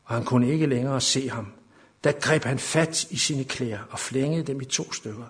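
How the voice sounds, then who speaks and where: Man preaching and reading scripture. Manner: rises to loud, high emphatic reading in dramatic passages.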